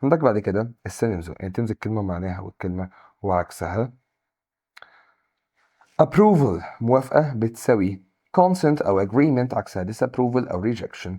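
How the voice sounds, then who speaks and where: A young man with an Egyptian Arabic accent giving an exam review lesson, briskly reading English words and then their Arabic meanings. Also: on the low side, animated, warm tone. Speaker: English teacher.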